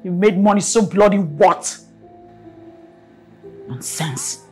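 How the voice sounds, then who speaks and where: A woman's voice: mid-range voice, slow pace, warm tone, husky, faint music behind. A middle-aged Nigerian woman playing a scornful mother in a film drama, scolding and repeating herself. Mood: furious. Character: stern, scornful mother of a grown son.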